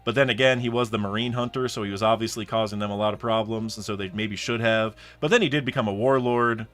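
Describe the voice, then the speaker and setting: A young man with a lowish, fairly bright voice talks fast in a steady tone as he reacts to a comic chapter on a live stream. He thinks aloud casually, rambling through sentences packed with restarts and fillers.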